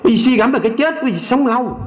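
Older monk with a Southern Vietnamese accent and a high voice, folksy and teasing in a sermon, slowing down to recite and sing verses. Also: male voice, animated, rough recording. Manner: folksy, teasing, keeps asking the audience "right?". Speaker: Buddhist monk. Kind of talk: Dharma talk to a lay audience.

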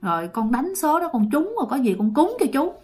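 A woman voicing a young man who begs a ghost in a soft, hesitant, pleading tone. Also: high voice, sing-song, a little fast.

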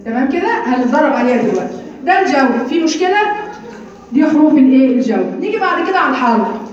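A high-pitched Egyptian woman leads a classroom drill, repeating lists and answering her own questions with brisk, teasing energy. Her voice rings through a very echoey room and sits well back from the microphone. The recording sounds dull and muffled. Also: animated, distant mic. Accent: Egyptian Arabic. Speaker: Quran recitation teacher.

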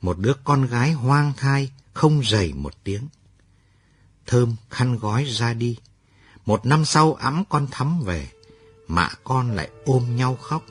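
A man narrating a late-night radio story in a steady storytelling manner. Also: medium pitch, slow, slightly rough, soft background music.

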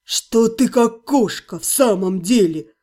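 A woman voicing a grumpy, jealous young half-gnome man in an audiobook, snapping and gruff. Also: mid-range voice, a little slow, dark tone, voice pushed down, natural voice.

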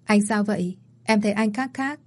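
A woman's voice: mid-range voice, normal speed, a little mellow, lightly acted. A young fiancée from a storybook, voiced by a woman narrator, polite on the surface and sulky underneath.

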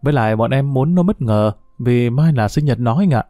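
A man's voice: mid-range voice, lively intonation, fairly quick, warm tone, no echo, studio quality, natural voice. A man voicing a chatty polite schoolgirl. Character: short-haired teenage schoolgirl, polite and chatty.

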